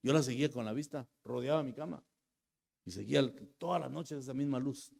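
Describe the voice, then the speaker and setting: A middle-aged man preaches from the pulpit. His sermon drifts between soft, close storytelling and loud bursts of exclaimed praise. His voice sits at an ordinary male pitch. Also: a little fast, gravelly. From Guatemala. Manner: swings from hushed storytelling to loud shouted praise. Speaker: pastor.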